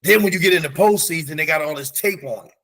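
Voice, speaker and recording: Man, sports podcast co-host, bright and fairly high voice, animated, slangy, stat-heavy banter. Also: fast. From United States. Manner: animated, slangy, rattles off stats. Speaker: teacher. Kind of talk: casual sports chat.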